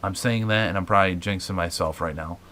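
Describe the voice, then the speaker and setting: A paranormal investigator hosts his show in a low, slightly bright voice, talking fast. He explains things casually to viewers with many fillers and restarts.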